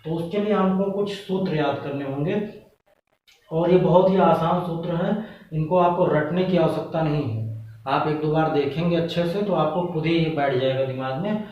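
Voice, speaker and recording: A man's voice: on the high side, normal speed. Man teaching in an echoey room. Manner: patient, repeats questions and answers them himself. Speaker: Hindi grammar teacher. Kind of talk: exam-prep lesson. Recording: echoey room, voice from a distance, dull sound.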